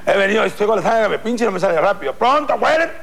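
A man's voice: high-pitched, lively intonation, fast, gravelly, fairly bright tone, full character voice. A man voicing a frantic woman customer who hurries and pleads with a shop clerk.

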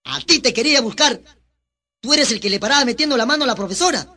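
A towering ex-convict teacher snaps orders at a rowdy class in a Peruvian accent, as a male comedian plays him. The voice is bright and animated, pushed loud and threatening. The manner is menacing through and through. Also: very high-pitched, fast, exaggerated voice. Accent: Peruvian Spanish. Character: hulking tough ex-convict man turned schoolteacher.

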